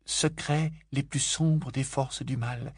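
A man's voice: mid-range voice, fairly even intonation, slow, breathy edge, dry recording, studio quality, pitched above the performer's own voice. A man voicing an anxious, studious teenage girl witch who stammers and pleads. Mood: grave.

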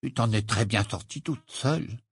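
A man's voice: mid-range voice, moderate pace, breathy edge, dry recording, close to an everyday voice. Man doing a grumbling, stubborn teenage wizard. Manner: mutters, flares up angrily.

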